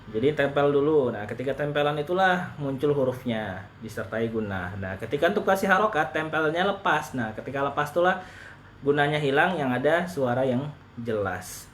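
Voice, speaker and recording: A man's voice: medium pitch, animated, a little hiss or hum. Patient male Quran teacher demonstrating sounds. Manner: patient, repeats rules slowly and demonstrates sounds. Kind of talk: relaxed online tajwid lesson.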